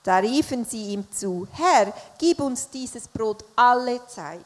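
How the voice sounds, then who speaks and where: A woman with a somewhat high voice interprets a sermon live, following the preacher closely. She occasionally hesitates or corrects herself. A long reverb hangs over the church hall. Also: expressive, takes it slowly. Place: church service.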